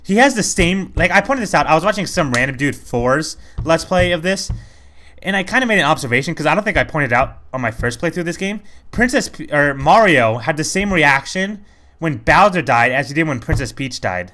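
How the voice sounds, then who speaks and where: Lively, bright-voiced man rambling over gameplay. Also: a little high, fairly quick. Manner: rambling, chatty, self-critical. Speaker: let's play commentator. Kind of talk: casual gaming commentary.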